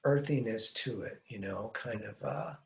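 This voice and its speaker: Speaking at a measured pace in a creaky voice, this older podcast host poses rambling, curious questions that tend to trail off during a casual interview. He wears headphones at a boom-mounted studio mic in a home room with blinds, and the recording sounds roomy and echoey.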